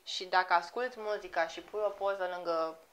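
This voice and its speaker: Lively woman singer talking casually. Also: lowish voice, a little hiss or hum. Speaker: guest, singer. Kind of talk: casual interview talk.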